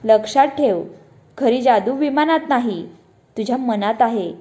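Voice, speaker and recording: A wise old man from a children's storybook, as a woman puts him on. He speaks calmly and unhurriedly, in a mellow voice. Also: on the high side, close to an everyday voice. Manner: calm, unhurried delivery. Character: kind wise old man by a banyan tree.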